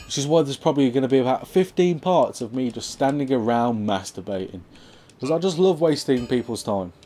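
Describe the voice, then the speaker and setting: A young man talks through his gameplay in a casual, sarcastic way, swearing freely and now and then shouting at the game. His voice sits at an ordinary middle pitch, recorded on a desk mic with faint game sounds underneath. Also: a little fast, slight background noise. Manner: sweary, sarcastic, bursts into loud outbursts at the game. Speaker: gameplay commentator. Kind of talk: casual let's-play commentary.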